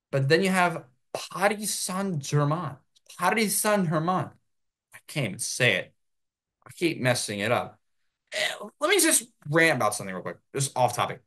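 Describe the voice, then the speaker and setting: American guy ranting about football on his own show, voice swings way up and down. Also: fairly high pitch. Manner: animated, ranting. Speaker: sports show host. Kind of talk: solo sports commentary.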